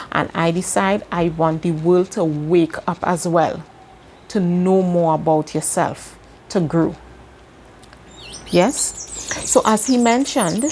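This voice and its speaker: This self-help video host, a woman with a Trinidadian accent, speaks in a fairly low, gravelly, slightly mellow voice, with some hiss or hum audible. Her teaching monologue is slow and motivational, earnest in tone, with key words repeated for emphasis.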